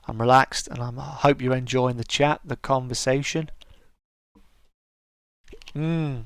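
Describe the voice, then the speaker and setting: Unhurried and fairly even in intonation, a middle-aged man speaks at medium pitch in a smooth, soothing voice, captured dry at studio quality. He's hosting a laid-back live chat, reading viewers' comments and replying. Lots of restarts and stammers punctuate his friendly, talkative style.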